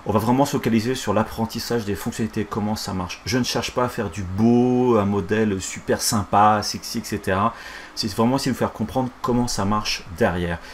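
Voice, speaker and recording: A middle-aged man with a fairly low voice talks through a live tutorial from a small office. He lisps, his s sounds coming out slushy, and explains things informally with some hesitation. A fan whirs audibly behind him. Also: a little fast. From France. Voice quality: lisp, slushy s from a broken tooth. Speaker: software instructor and streamer. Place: small home office, indoors. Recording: clear fan noise behind voice. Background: whirring fan.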